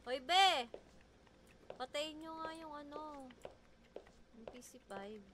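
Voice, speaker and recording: A woman's voice: sits high, slow pace, heavy background noise. A woman playing a horror game, chatting casually and reading the story text aloud. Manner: chatty, reads story text aloud, yelps when startled. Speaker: gaming streamer. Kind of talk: horror game let's play.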